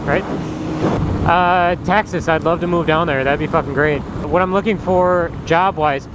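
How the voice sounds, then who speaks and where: A man's voice: a little high, fairly even intonation, measured pace. A man in his early twenties with an American accent rambles casually and swears as he thinks aloud, talking inside a motorcycle helmet while riding. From Minnesota, United States. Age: early 20s. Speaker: motovlogger. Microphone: helmet mic. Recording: inside a helmet, loud engine and road noise. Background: loud engine and road noise.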